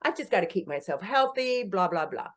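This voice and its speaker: Here an author and company founder in her sixties tells her story during an informal podcast interview. Animated and quick to laugh at herself, she rises sharply in pitch whenever she jokes, and her pace runs a little fast.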